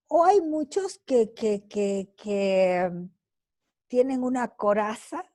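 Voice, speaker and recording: An older woman giving a lecture over a video call, answering students' questions in a slow, deliberate way with many fillers and tag questions. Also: fairly high pitch, dark tone.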